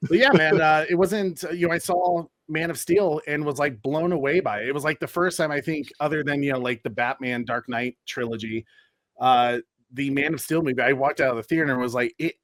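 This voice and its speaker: A man's voice: on the high side, fairly even intonation, brisk, a bit bright, no echo, clean studio sound. A man in his thirties, a podcast guest, telling stories in a rambling, easygoing way with many fillers. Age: 30s. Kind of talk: casual chat.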